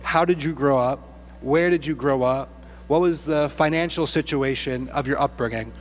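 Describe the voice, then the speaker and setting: A man interviewing a guest on stage, flattering, with joking asides. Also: mid-range voice, normal speed. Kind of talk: onstage interview. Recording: echoey hall with faint hum.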